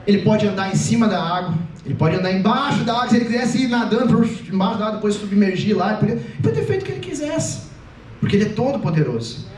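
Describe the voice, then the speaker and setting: A man giving an animated, joking youth sermon, acting out voices as he tells the story. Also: high voice, fast talker, a little hiss or hum. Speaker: youth preacher. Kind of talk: lively comic youth sermon. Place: church hall. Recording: echoey hall, voice from far off.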